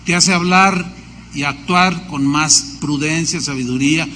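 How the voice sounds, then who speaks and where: A man with a Mexican accent, preaching a sermon as a pastor, animated, with lists and storytelling asides. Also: fairly high pitch, a little slow, in a large hall, a little hiss or hum.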